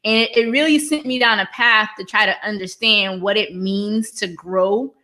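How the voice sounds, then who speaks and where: A woman in her thirties, a guest author on a podcast, telling stories in a lively way and laughing often. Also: medium pitch, normal speed. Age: 30s. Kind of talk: casual interview chat.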